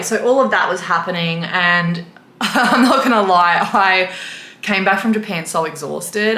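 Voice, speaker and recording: Young woman, Australian accent, beauty vlogger, casual makeup chat, candid, emotional, lowish bright voice, roomy echo. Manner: chatty and candid, often getting emotional. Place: indoor room with a mirror. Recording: echoey room.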